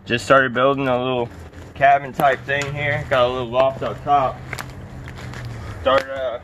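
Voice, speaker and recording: A man's voice: medium pitch, fairly bright tone, slight background noise. A young man talking casually and laid-back outdoors in the woods, trailing off as he speaks. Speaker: interviewee living in the woods. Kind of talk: casual chat. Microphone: vlogger's camera a few steps away.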